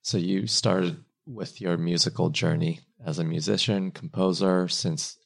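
A man's voice: low voice, fairly even intonation, a little slow, vocal fry. A man hosting a podcast, asking friendly, curious questions. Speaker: podcast host. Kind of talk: podcast interview.

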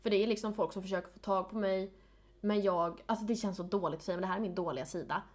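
A young woman co-hosting a podcast in casual chat, chatty and quick to tease, often giggling. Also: medium pitch, steady tone, darkish tone. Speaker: podcast co-host.

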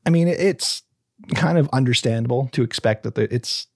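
A man's voice: mid-range voice, normal speed, creaky, a little mellow, breathy edge, dry recording, studio quality. A man hosting a casual true crime podcast, reading the case from notes with stumbles, restarts and offhand asides.

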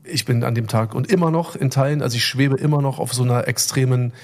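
A man's voice: mid-range voice, fast talker, a little mellow. A middle-aged man telling a story in casual chat, rambling and emotional, with many fillers and restarts. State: recovering from illness. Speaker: podcast co-host.

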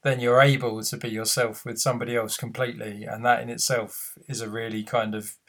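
A man hosting an interview who asks questions and reflects back in a gentle, encouraging way. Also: medium pitch, level tone, a little fast. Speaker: podcast host. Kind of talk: conversational interview.

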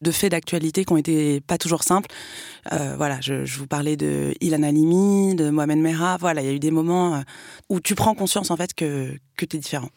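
A woman's voice: deep voice, fairly quick, a little mellow, no room sound, clean studio sound. A young woman from France talking candidly at length, with many fillers. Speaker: guest. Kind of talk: casual conversation.

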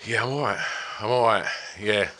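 Male podcast co-host, Essex accent, lowish bright voice, loose blokey banter. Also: steady tone, normal speed, slight background noise. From Essex, England. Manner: blokey, sweary. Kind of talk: casual banter.

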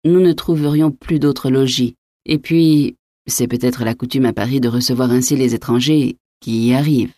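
A woman voicing a calm, patient young male nobleman, polite and even-tempered, in an audiobook reading. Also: a bass voice, moderate pace, dry recording, clean studio sound.

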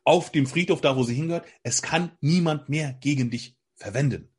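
A man talking in an interview as a leadership coach, explaining with energetic, vivid stories, frequent restarts and acted-out examples. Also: fairly high pitch, normal speed, slightly rough.

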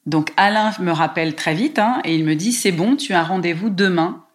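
A woman from France telling a personal story in a lively, emotional way, with many small hesitations. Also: on the low side, fairly quick. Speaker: guest telling her life story.

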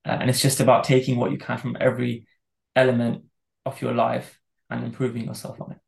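Gravelly guy from dubai, guest on a podcast, earnest and steady, pretty monotone. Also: medium pitch, fairly quick, reverberant. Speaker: guest, managing director. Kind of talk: conversational podcast interview.

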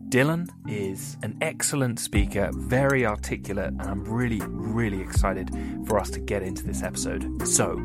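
A man hosting a podcast, introducing his guest with upbeat enthusiasm. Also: fairly low pitch. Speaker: podcast host. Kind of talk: podcast interview.

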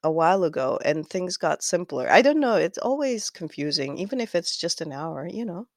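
Rambling Kazakh-accented woman, low creaky voice. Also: big pitch swings, normal speed, dry recording, clean studio sound. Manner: rambling, laughs often, self-interrupting. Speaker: guest knitwear designer. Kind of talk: casual interview chat.

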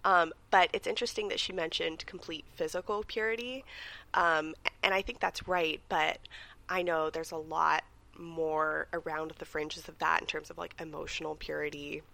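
A woman's voice: low-pitched, fairly even intonation, moderate pace, gravelly, bright, forceful tone. A woman from Malaysia, a podcast guest who speaks thoughtfully and hesitates while searching for words. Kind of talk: casual podcast chat.

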